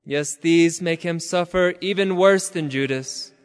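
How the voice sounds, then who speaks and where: A high-pitched man preaches in a slow, measured cadence, now and then lifting into a near-chant. His voice is smooth and resonant. A long reverb trails behind him, as in a large church. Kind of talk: sermon.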